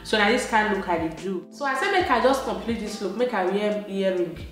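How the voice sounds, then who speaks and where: A woman's voice: mid-range voice, animated, fairly quick. A woman with a Nigerian Pidgin accent, chatting casually through a makeup tutorial in a playful, emphatic way. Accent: Nigerian Pidgin English. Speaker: beauty vlogger. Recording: very echoey room, light music behind.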